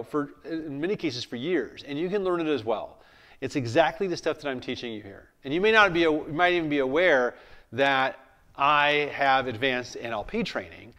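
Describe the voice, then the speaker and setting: A man's voice: medium pitch, a bit bright. A man giving an instructional talk on sales closing, speaking emphatically and acting out example lines as confident commands. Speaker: sales trainer.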